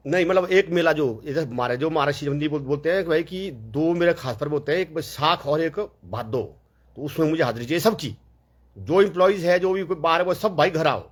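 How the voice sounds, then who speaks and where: A man's voice: a little high, expressive, a little fast. A man telling a long, rambling story in a casual, chatty way, full of fillers and quoted dialogue.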